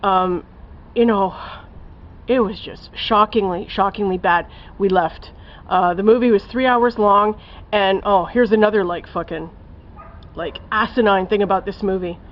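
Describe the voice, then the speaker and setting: Woman film reviewer, casual rant, profane and scathing, mid pitch, slightly muffled lo-fi sound. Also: fairly even intonation, unhurried. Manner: blunt, profane, scathing rant with many fillers.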